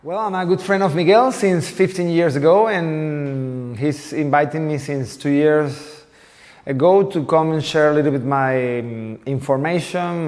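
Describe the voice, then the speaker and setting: A man's voice: on the high side, a little mellow. Man in his forties, reverberant. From Venezuela. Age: 40s. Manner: thoughtful, searching for words in a second language. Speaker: guest dance teacher. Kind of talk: interview answers.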